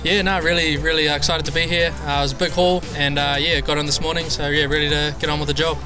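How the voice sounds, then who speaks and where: A man's voice: on the high side, little pitch movement, quick pace. A laid-back man with a New Zealand accent, a speedway driver giving a casual interview. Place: outdoors at a speedway track. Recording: outdoor trackside, music and vehicles behind.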